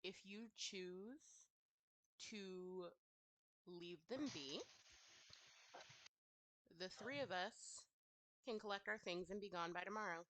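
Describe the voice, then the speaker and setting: A woman voicing a guarded female adventurer in a tabletop game, stiff and official, halting as she negotiates. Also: medium pitch, fairly bright tone, no room sound, low-quality recording. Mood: formal, guarded.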